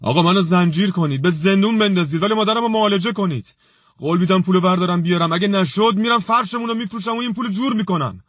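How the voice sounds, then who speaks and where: A man's voice: mid-range voice, breathy edge, no room sound, clean studio sound, voice pushed up. A man voicing a desperate young soldier pleading for his sick mother, his voice trembling and rising into cries. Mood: desperate shouting. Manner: trembling, pleading, breaks into shouting.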